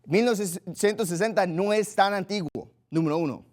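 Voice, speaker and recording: A man's voice: sits high, normal speed, a little mellow. A young adult man preaching a sermon as pastor, emphatic, repeating phrases and reading scripture aloud.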